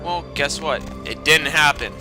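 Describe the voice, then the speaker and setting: Over video game music, a man with a fairly high voice does a dramatic, unhurried storytime reading. He keeps breaking off for sarcastic, profane, exclamatory asides that mock the material.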